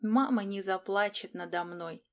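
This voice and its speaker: A woman voicing a proud, gloomy young baroness who speaks in a hushed, whispering way. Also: mid-range voice, a little slow, lightly acted. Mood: despairing whisper.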